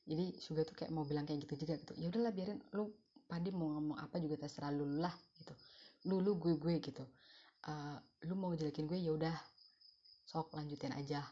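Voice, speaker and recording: A woman casually explaining song lyrics, reading lines out slowly and then talking them through with lots of fillers. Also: low-pitched, fairly even intonation, dark tone, slightly rough. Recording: dull lo-fi recording.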